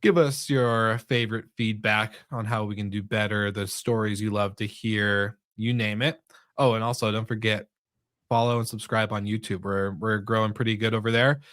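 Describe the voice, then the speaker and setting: A man with a fairly low voice co-hosts a casual podcast. He talks in a relaxed, chatty way and laughs easily. The sound is dry and close, with no room in it. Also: moderate pace, dry recording. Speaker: podcast co-host. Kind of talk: casual chat.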